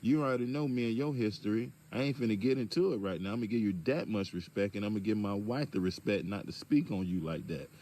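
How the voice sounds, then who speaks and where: A man speaking calmly but pointedly in direct-address video commentary, asking rhetorical questions, with features. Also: fairly low pitch, quick pace, hardly any pauses. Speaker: commentator addressing a public figure.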